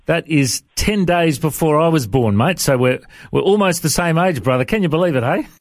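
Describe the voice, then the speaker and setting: A man's voice: a little high, animated, moderate pace, no room sound. A man, hosting a podcast interview in a matey, chummy way. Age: 40s. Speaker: podcast host. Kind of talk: friendly interview chat.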